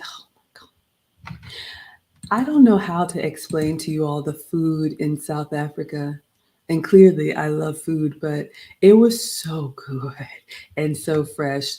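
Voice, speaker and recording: A low, dark-toned voice comes from a middle-aged Ghanaian vlog host. In a casual livestream, she reflects on a trip and says hello to viewers by name.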